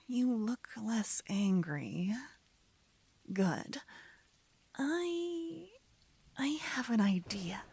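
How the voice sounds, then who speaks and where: In a romantic ASMR roleplay, a woman plays a lovestruck young female mage, tenderly coaxing her lover. Her heavily acted mid-range voice is soft and breathy, often dropping to a whisper.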